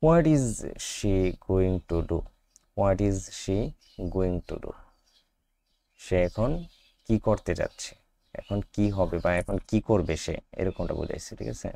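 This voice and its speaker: A low-voiced man with a Bangladeshi Bengali accent, teaching young pupils English. He speaks in an unhurried, dark tone, stretches English phrases out word by word and drills sounds again and again. His voice sounds close and dry. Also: expressive, vocal fry, dry recording. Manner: switches to slow, drawn-out English phrases and repeats sounds for practice; asks the class questions and answers them himself. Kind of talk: class five English lesson explained in Bengali.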